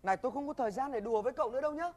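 A man playing a stern, bossy doctor in a stage comedy sketch, scolding with sharp questions. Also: very high-pitched, racing. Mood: blustering. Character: stern, blustering male doctor. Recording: noisy stage recording with loud audience.

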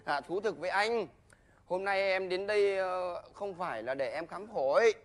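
A man's voice: high-pitched, normal speed, natural voice. A man playing a timid, fretful patient. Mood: sheepish. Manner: pleading, hesitant, rambling excuses. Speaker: comic actor. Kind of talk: live comedy sketch.

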